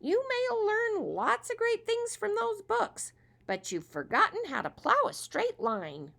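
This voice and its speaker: A woman voicing a small make-believe squirrel friend in a storybook reading, with a squeaky, slow, drawn-out voice. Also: huge pitch swings, vocal fry, sharp tone, exaggerated voice. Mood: chiding.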